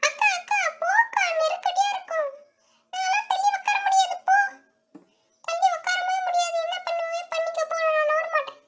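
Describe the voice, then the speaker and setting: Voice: very high voice, fairly even intonation, moderate pace, a bit bright, faint music behind. A girl doing a whiny crying little sister doll. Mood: defiant. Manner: whiny, tearful, complaining. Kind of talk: toy doll story play.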